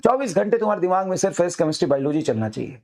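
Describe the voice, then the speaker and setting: High-pitched man, teacher, fiery motivational talk to students, hammers the same lines again and again. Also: sing-song, racing, darkish tone. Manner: fiery, repetitive exhortations.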